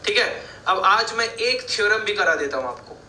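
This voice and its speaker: A man's voice: high voice, lively intonation, moderate pace, sharp tone, slight background noise. A male math teacher giving a board lecture, explaining step by step and asking and answering his own questions. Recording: echoey room.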